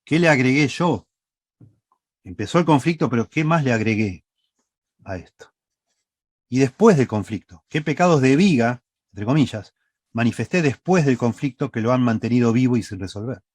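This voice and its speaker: A man's voice: mid-range voice, lively intonation, normal speed, long pauses, darkish tone, no room sound. A man preaching a sermon with an Argentine Spanish accent, teaching step by step and checking in with the congregation. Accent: Rioplatense Spanish. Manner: teaching, asks the congregation "¿sí?" often. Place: church.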